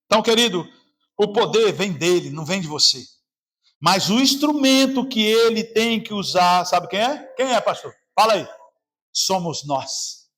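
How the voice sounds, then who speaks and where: A man with a Brazilian Portuguese accent, preaching a sermon as pastor, swinging between shouting and a quiet, lowered voice. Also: expressive, moderate pace. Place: church service.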